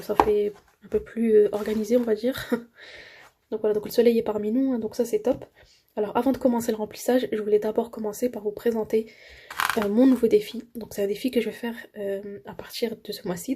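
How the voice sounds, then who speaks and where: Husky, mellow-voiced young woman chatting. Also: on the high side. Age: young adult. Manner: chatty, enthusiastic, many fillers; counts banknotes softly under her breath. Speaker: budgeting YouTuber. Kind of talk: casual vlog narration while filling savings envelopes.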